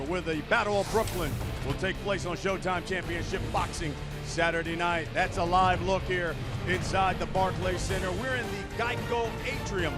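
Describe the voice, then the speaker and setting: American guy hosting live boxing show, pretty high voice, faint music around him. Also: a bit bright. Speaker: sports broadcast host. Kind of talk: live boxing broadcast presenting. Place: large arena atrium.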